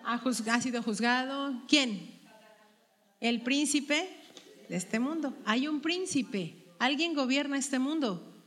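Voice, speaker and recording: A woman's voice: high-pitched, slow, a bit bright. Woman leading a Bible study. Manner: asks the group questions and tags them with "¿verdad?". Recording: long hall reverb.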